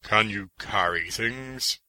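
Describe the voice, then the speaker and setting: A man's voice: fairly low pitch, slow pace, pushed and bright, dry recording, exaggerated voice. A man voicing a blunt, curt male archer who travels alone. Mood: gruff.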